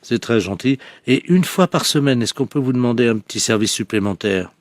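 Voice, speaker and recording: A man making a prank phone call, speaking hesitantly with many pauses. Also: mid-range voice, expressive, no room sound. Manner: hesitant, full of pauses and fillers. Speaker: prank caller.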